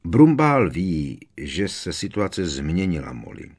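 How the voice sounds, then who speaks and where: A man reading aloud, voicing a calm, deliberate middle-aged husband who speaks slowly and evenly. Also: low-pitched. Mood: measured. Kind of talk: audiobook character voice.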